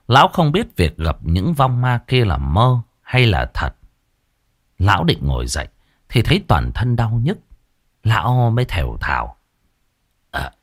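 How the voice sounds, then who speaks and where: A man narrating a ghost story in an expressive, suspenseful way. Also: lowish voice, dry recording, studio quality.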